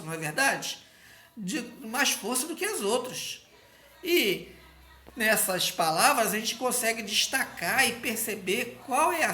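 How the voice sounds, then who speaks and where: Slow, patient woman teaching a lesson. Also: on the high side, pushed and bright. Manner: slow, patient explaining, drawing out example words. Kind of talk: recorded grammar lesson. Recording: echoey room.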